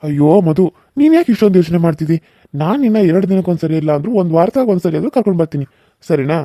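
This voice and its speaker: An earnest young husband, warm. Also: male voice, fairly high pitch, animated, racing, dry recording, clean studio sound. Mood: reassuring. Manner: earnest, gently persuasive. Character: young devoted husband, kind and reassuring. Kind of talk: cartoon serial dubbing.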